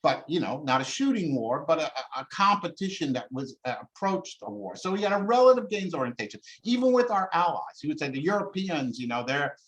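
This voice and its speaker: Animated man explaining in an interview. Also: fairly high pitch, brisk, hardly any pauses, low-quality recording. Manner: animated, lively explaining with many fillers and restarts. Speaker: interviewed scholar. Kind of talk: conversational interview answer.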